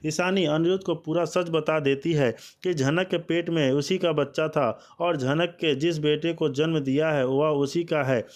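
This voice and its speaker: A man's voice: on the high side, fairly even intonation, a little slow, few pauses. A man narrating a recap of a TV serial for viewers, calling them friends and reading out the characters' lines.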